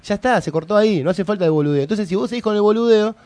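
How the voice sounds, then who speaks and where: A young Argentine man with a Rioplatense accent tells a heated story on the radio, in slang. He talks very fast and acts out the other man's lines as he goes. His voice sits a bit high. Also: no echo. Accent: Argentine Rioplatense Spanish. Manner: animated, slangy, acts out both sides of quarrels. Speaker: radio co-host.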